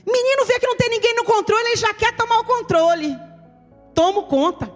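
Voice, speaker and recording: Soft music plays in an echoing church hall as a woman pastor delivers a brisk, emphatic sermon in a very high voice. She speaks with a Brazilian Portuguese accent and calls her audience "querido."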